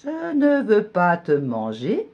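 A woman voicing a sly, deceitful male fox in a storybook reading, speaking slowly and sweetly to coax. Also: medium pitch, huge pitch swings, lo-fi sound, voice pushed up, heavily acted.

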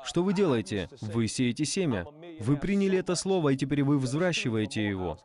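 A man's voice: mid-range voice, animated, fast, darkish tone. A man voicing a preacher's sermon in a dub, repeating phrases and asking the audience rhetorical questions. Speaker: voice-over translator of a preacher. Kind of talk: dubbed sermon.

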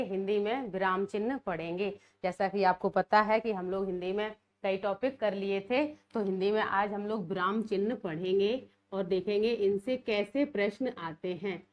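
A woman's voice: medium pitch, dull audio. A woman teacher giving an exam-prep lecture, often repeating key words back to her students as questions.

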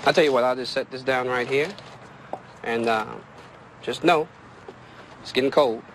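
An actor playing a kindly pastor who speaks gently and patiently to a stranger, recorded outdoors with faint street noise. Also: male voice, medium pitch, moderate pace, natural voice, poor audio. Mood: gentle. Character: kindly male pastor offering chili to a stranger.

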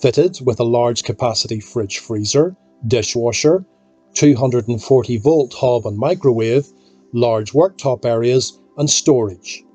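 A man narrates a technical documentary in a calm, measured delivery. His voice has a slightly husky edge at an ordinary middle pitch. Soft music runs faintly beneath the voice-over.

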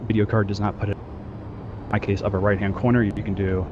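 Over group voice chat, a man leads a gaming practice, instructing casually with lots of fillers. He speaks briskly in a fairly low, level voice, and the lo-fi sound carries background noise.

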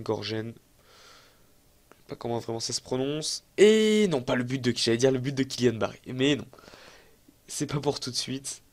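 A young man giving casual, excitable let's-play commentary on a football management game, chatty and self-mocking as he thinks aloud. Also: medium pitch. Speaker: gaming YouTuber.

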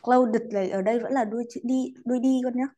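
Female teacher, slightly high voice, courteous and patient, mixes English into class talk. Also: steady tone, quick pace, dark tone, slight background noise. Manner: polite, patient, adds courteous particles to most sentences; mixes English words into explanations. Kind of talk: online class lesson.

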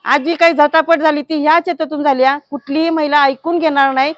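Indignant high-voiced woman village head. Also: steady tone, a little fast, no room sound. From Maharashtra. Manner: indignant, forceful complaint. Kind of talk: statement to news media. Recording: dull lo-fi news recording.

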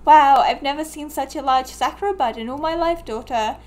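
A woman's voice: high voice, fairly quick, natural voice. A woman voicing a weary, folksy farmer father.

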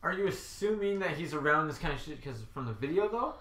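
Guy on a podcast going off about stuff, lots of swearing, higher voice, echoey room. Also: quick pace. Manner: blunt, profane, animated rants. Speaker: podcast guest. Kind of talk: casual podcast chat. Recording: roomy echo.

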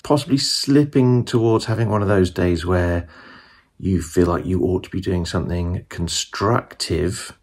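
A man's voice: sits low, vocal fry. Chatty London man vlogging at home. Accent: British English (London). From England. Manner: rambling, self-deprecating, chatty. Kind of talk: casual self-filmed vlog. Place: home rooms, indoors. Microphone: phone camera at arm's length.

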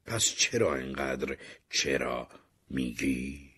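A man reading as a scheming jailed criminal who lectures and presses without pause. The voice is low and deeply husky. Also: expressive, pushed and bright, heavily acted. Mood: probing. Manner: lecturing, pushy.

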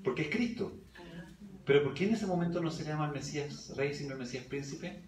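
A man preaches fast in a high, darkish voice during a Bible study sermon, reading scripture aloud and putting questions to the congregation. The echoey recording was made at a distance in a church hall.

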